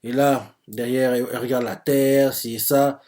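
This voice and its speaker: A man's voice: mid-range voice, fairly even intonation, moderate pace, mellow. A man hosting a live manga reaction stream, talking through each page as he reads it and thinking aloud, full of hesitations and filler words. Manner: hesitant, explains as he goes, filler-heavy with frequent "euh" and "en gros"; reads other people's lines aloud in his own voice, summarizing. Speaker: manga reaction channel host.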